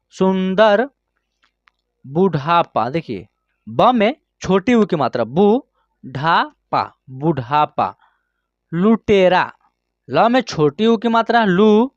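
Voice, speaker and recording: A man with a high voice leads a slow online reading lesson, stretching each word out syllable by syllable and pausing to check his students follow. The sound is dry and a little dull, with no room echo. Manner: slow, drawn-out word-by-word pronunciation with frequent check-ins. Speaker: Hindi reading teacher.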